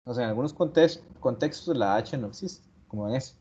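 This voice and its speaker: A man's voice: medium pitch, animated, brisk, warm tone. A male teacher giving an online class lecture, explaining step by step, repeating key words and asking rhetorical questions. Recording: dull lo-fi audio.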